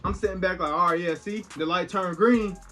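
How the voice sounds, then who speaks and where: A young man with a bright, forceful voice recounts a car mishap in loose, slangy storytime fashion. He jumps into the quotes with lively energy. His pitch sits a bit high, with faint music underneath. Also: a little fast. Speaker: vlogger. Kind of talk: casual storytime.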